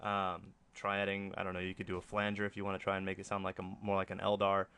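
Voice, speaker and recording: A man presenting a casual, offhand software tutorial as a voice-over to a screen recording. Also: low voice, monotone, fast, clean tone. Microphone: close microphone, voice-over for screen capture.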